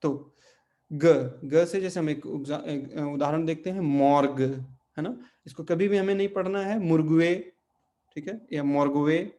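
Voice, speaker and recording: A man's voice: fairly high pitch, mellow. A man teaching a language class, explaining step by step and often checking in with his students. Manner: slow, explains step by step, many fillers and check questions. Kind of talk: online language lesson.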